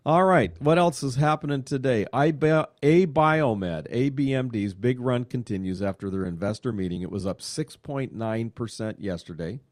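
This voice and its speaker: A man hosting a radio show, chatting in a casual way, excitable and full of fillers. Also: medium pitch, normal speed, few pauses, no echo, studio quality. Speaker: radio show host and money manager.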